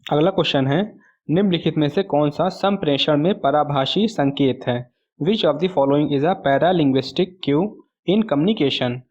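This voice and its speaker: A male exam tutor working through answers. He asks a question and answers it himself, mixes in English terms, and reads the English question text slowly. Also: a little high, darkish tone. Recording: dull lo-fi audio.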